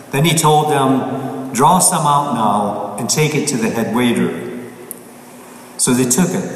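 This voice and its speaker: A man serving as priest, reading the gospel and preaching a homily in a plain, halting way with frequent restarts, heard with heavy cathedral echo in a large church. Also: mid-range voice. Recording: long church reverb from far off, faint noise.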